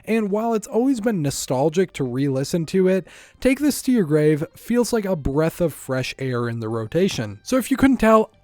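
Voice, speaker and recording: A man narrates a music review from a script, wry and opinionated. His voice sits a bit high for a man and swings around a lot. The tone is warm and dark, and the sound is dry and close. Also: big pitch swings, moderate pace, no room sound.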